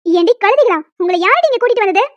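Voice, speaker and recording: A woman voicing a bossy old village grandmother in a cartoon, who shouts insults and threats. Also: very high-pitched, animated, fast, no echo, dull audio. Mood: outraged.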